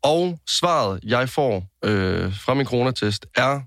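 A man co-hosting a podcast, telling stories in a measured, dryly humorous way. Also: medium pitch, lively intonation, a bit bright, no echo, studio quality. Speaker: podcast co-host. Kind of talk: casual chat.

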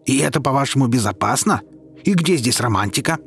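A man voicing an irritable rich male tourist who grumbles, shouts and panics, over a steady background hiss. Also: medium pitch, fairly quick, pitched above the performer's own voice, natural voice. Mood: indignant.

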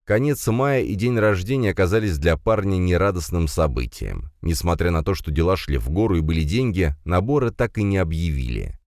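A man narrating a story in an expressive, animated reading. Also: sits low, fairly quick, few pauses, no echo, clean studio sound. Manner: reads with lively, animated intonation. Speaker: audiobook narrator.

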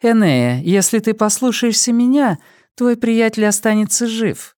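A man voicing a cold, mocking female killer creature who speaks softly with a smile, in an audiobook. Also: a little high, measured pace, dry recording, clean studio sound, voice pushed up, lightly acted. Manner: soft-spoken smiling menace.

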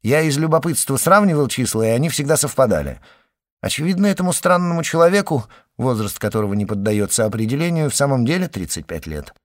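A man voicing a lively young aristocratic son in an audiobook, speaking with eager animation. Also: mid-range voice, fast, no echo, clean studio sound, pitched above the performer's own voice, lightly acted. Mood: animated. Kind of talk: audiobook character reading.

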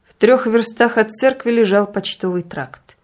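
Woman calmly reading a classic story. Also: fairly high pitch, measured pace. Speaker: audiobook reader. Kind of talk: literary narration.

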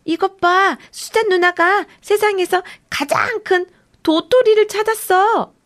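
A woman voicing an excitable little boy who shouts eagerly at his big sister. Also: a little high, measured pace, creaky, full character voice. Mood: excited.

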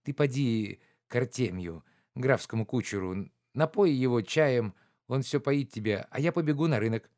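A man putting on the voice of a quick, shrewd female housekeeper. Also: mid-range voice, a little mellow, no room sound, studio quality, close to an everyday voice. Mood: brisk.

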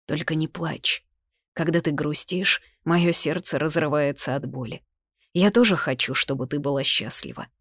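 A woman reading the lines of a calm, caring young male mage in an audiobook, in an even, reassuring tone. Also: on the high side, normal speed, no room sound, clean studio sound. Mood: tender.

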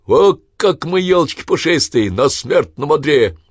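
A man voicing a rowdy, irreverent grown son who cracks loud jokes. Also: medium pitch, lively intonation, normal speed, no echo, studio quality, pitched above the performer's own voice. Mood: boisterous. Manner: boisterous, loud wisecracking.

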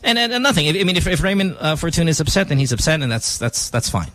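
A man with a fairly high, very lively voice hosts a morning radio show. He chats fast and animatedly into a studio microphone, breaking into laughing asides as he tells a story. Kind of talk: casual radio banter.

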